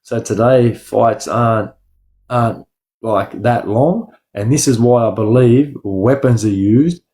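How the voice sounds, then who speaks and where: Slight background noise sits behind this Australian livestream host from Sydney, who rambles in blunt, slangy talk, repeats phrases, and calls people bro or lad. He speaks slowly at medium pitch with a dark tone.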